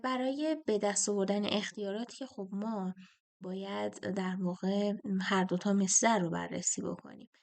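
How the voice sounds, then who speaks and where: A woman teacher talking students through a poetry test question, chanting the meter feet slowly. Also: mid-range voice, fairly even intonation, gravelly, darkish tone.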